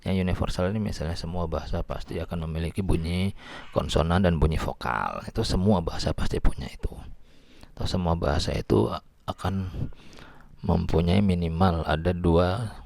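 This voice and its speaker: A man's voice: low voice, creaky, darkish tone. A man lecturing on linguistics, explaining patiently and often restarting or repeating words. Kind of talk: recorded lecture.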